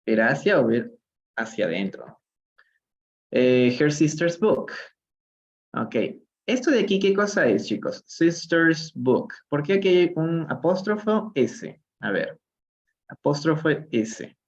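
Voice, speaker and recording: Peruvian guy teaching english live, slow careful reading, a bit gravelly, kinda muffled stream sound. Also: fairly high pitch, big pitch swings, a little mellow. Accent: Peruvian Spanish. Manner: slow, drawn-out model readings of English phrases; addresses chat viewers by name, asks questions. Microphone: live stream phone or computer mic.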